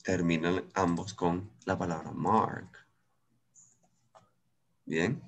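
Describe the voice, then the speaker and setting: A man's voice: low voice, steady tone, very slow, a little hiss or hum. A man with a Venezuelan accent teaching English in an online class, switching between Spanish and English, patient and encouraging.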